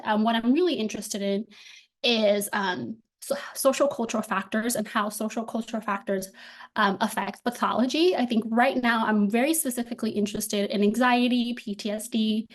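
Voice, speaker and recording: A young woman from the Dominican Republic, a doctoral student giving an academic talk over a video call, friendly and full of filler ums. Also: on the high side. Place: indoor room at home. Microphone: laptop webcam on video call.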